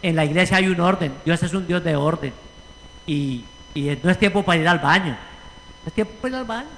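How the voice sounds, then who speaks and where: Casting: Puerto Rican male pastor, high bright voice, lively preaching, long church reverb. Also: a little hiss or hum. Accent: Puerto Rican Spanish. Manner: animated preaching, acting out quoted voices. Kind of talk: sermon with congregation discussion. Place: church sanctuary.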